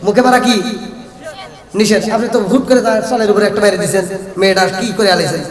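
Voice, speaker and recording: A man with a Bangladeshi Bengali accent giving a fiery Islamic sermon, chanting, singing and shouting his lines. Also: high voice, quick pace. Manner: chanting, melodic and shouted preaching. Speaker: Islamic preacher. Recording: echoey hall sound from far off.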